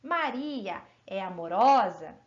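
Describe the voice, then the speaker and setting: A woman teaching a grammar lesson to children, encouraging and often checking that pupils follow, drawing out her example words slowly. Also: medium pitch, expressive, lo-fi sound. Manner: encouraging, asks pupils frequent check-in questions.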